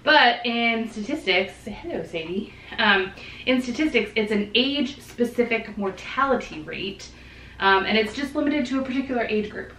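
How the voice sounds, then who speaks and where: A woman's voice: fairly high pitch, animated, normal speed, fairly bright tone, slight background noise. Woman podcast co-host, casual and chatty, recorded a bit off-mic in an echoey room. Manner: chatty, laughs easily, many fillers. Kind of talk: casual explanatory chat. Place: living room with dog present. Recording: roomy echo, distant mic, faint background.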